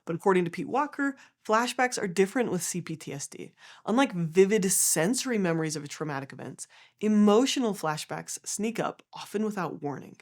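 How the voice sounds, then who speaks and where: A young adult woman calmly and gently explaining therapy concepts in an educational video. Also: mid-range voice, brisk. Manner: calm, gentle and reassuring.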